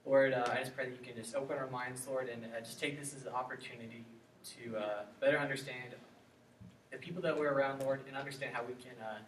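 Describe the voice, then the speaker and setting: A young man from Oklahoma City leading a halting spoken prayer, repeating "Lord" often and filling pauses with uhs. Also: mid-range voice. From Oklahoma City, United States. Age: young adult. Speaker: student presenter. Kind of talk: spoken prayer, then class introduction. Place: classroom. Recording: echoey classroom from far off, background noise.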